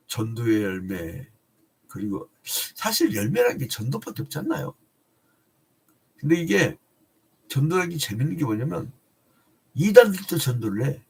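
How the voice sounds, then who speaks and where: A man's voice: mid-range voice, creaky, breathy edge. A male pastor preaching a dawn prayer sermon in a chatty way, often asking the congregation rhetorical questions.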